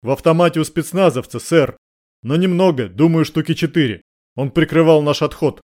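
A man's voice: fairly high pitch, brisk, a little mellow, close to an everyday voice. A man voicing a shaken, bloodied male police sergeant who reports in an agitated way. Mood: anxious. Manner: agitated, pleading.

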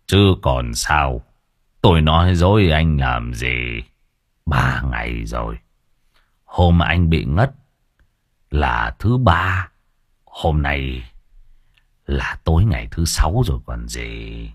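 A man reading an audiobook, voicing a poor, gruff but kind-hearted old village man who grumbles and curses slowly. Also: very deep voice, animated, no echo, studio quality, pitched below the performer's own voice, exaggerated voice. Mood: puzzled. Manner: grumbling, cursing, slow and weary.

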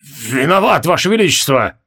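A man voicing a hoarse, zealous guard captain baron who blames himself. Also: on the high side, big pitch swings, normal speed, sharp tone, full character voice. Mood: self-reproaching. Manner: zealous, self-reproaching.

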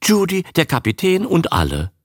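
A vain, naive young starlet, put on by a man reading aloud, chatters in a raised, breathy voice that leaps up and down. Her gushing daydreams come through close and dry, with a husky edge. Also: on the high side, huge pitch swings, moderate pace, no room sound, voice pushed up. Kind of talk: audiobook character voice.

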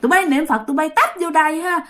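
A woman voicing a mocking, vengeful female demon ghost that shouts threats. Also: sits high, quick pace, pitched above the performer's own voice. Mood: taunting.

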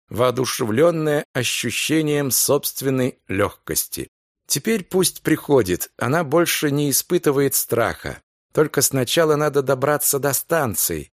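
A man narrating an audiobook in an expressive, unhurried storytelling manner. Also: mid-range voice, no room sound, studio quality. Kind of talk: scripted narration.

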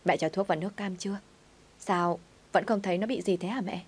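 A woman's voice: medium pitch, steady tone, a little fast, darkish tone, slightly rough, close to an everyday voice. Woman reading as a spiteful young schemer. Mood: scheming.

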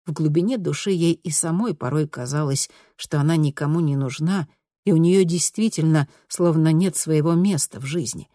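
A woman narrating an audiobook in a steady, expressive storytelling manner. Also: sits low, normal speed, dry recording, clean studio sound. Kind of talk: scripted narration.

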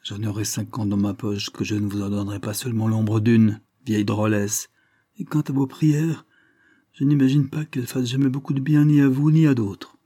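A man voicing a stern, scornful gentleman who speaks curtly. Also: lowish voice, fairly even intonation, moderate pace, no echo, studio quality, natural voice. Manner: curt, scornful.

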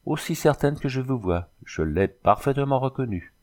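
A man's voice: mid-range voice, expressive, normal speed, darkish tone, pitched above the performer's own voice, natural voice. A man reading aloud, voicing a frightened young woman in a storybook scene. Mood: anxious. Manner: anxious, urgent.

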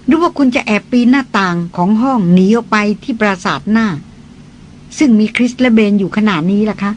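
A reader doing a gently teasing young lady. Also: mid-range voice, a little fast, slight background noise, lightly acted, low-quality recording. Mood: tender. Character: young noblewoman, shy but teasing.

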